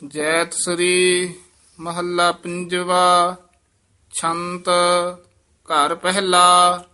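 Male scripture teacher, very slow steady chant with little pitch movement, pausing for quick pronunciation notes. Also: smooth. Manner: slow melodic chanting, brisk spoken asides.

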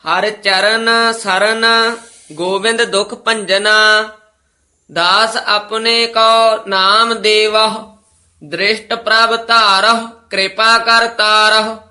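A man practicing scripture recitation, reading line by line in a very slow, measured, even way. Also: high voice. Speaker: student reciting.

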